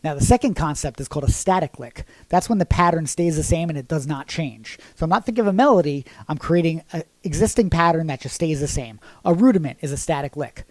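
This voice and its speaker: Fairly high-pitched and rapid, the man barely pauses, and the recording has no room sound. He's a drum teacher in an easygoing lesson, explaining concepts and singing rhythms on "ta."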